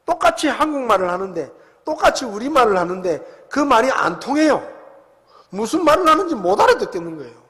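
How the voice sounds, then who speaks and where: A male pastor delivers a Sunday sermon in a high, bright-toned voice. He speaks in a conversational way, swinging from loud bursts to quiet asides. His words carry a long reverb through the church sanctuary. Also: a little fast, slightly rough. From South Korea. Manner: conversational preaching with lively swings in loudness.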